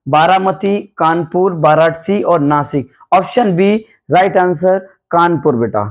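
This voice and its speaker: Hoarse after night classes, this Hindi-accented man speaks in a voice on the high side as he quizzes his coaching students in a fast revision session. He addresses them as "beta" and says each question and answer twice.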